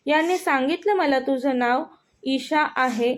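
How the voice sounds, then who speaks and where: A woman's voice: high-pitched, a little slow. A woman voicing an affectionate old grandmother who teases and scolds her grandson fondly. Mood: fond scolding. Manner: scolding, fond teasing.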